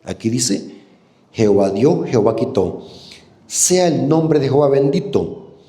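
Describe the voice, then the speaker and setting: A man with a Salvadoran Spanish accent preaching a sermon, animated and often asking the congregation questions. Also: mid-range voice, unhurried.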